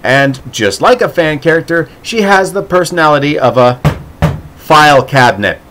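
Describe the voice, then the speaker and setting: A man's voice: fairly high pitch, lively intonation, moderate pace, noisy background. A man chatting casually as a streamer answering his chat, sarcastic and playful, with mock-dramatic outbursts and frequent laughing restarts.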